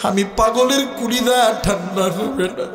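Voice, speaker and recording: A man's voice: very high-pitched, moderate pace, voice pushed up. A man voicing a grieving adult son who searches for his dead mother, pleading in a wailing, sung voice. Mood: wailing grief. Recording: echoey hall with faint music.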